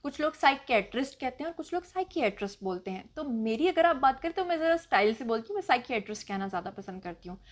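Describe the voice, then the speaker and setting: A woman with a Pakistani accent and a fairly high voice answers viewer comments in a casual vlog. She speaks with assertive, emphatic confidence, and her first language is Punjabi. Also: big pitch swings, fast, hardly any pauses. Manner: assertive, emphatic, self-assured. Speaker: vlogger host.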